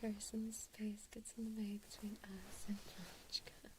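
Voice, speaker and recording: A woman's voice: medium pitch, level tone, moderate pace, noisy background. A woman whispering a doting, teasing ASMR roleplay into a close microphone. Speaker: ASMR creator. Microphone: close microphone, mouth near the ears.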